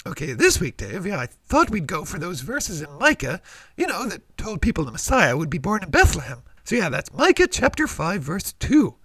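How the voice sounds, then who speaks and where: High, raspy kids show sidekick. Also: male voice, huge pitch swings, normal speed, fairly bright tone, dry recording, heavily acted. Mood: eager.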